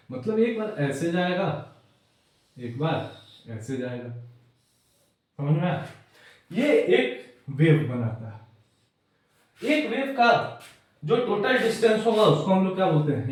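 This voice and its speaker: A man's voice: a little high, a little mellow. A man tutoring physics in a chatty, casual way, checking that students follow and wandering into jokes. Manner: digresses with jokes. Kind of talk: casual classroom lecture. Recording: echoey room, far from the mic.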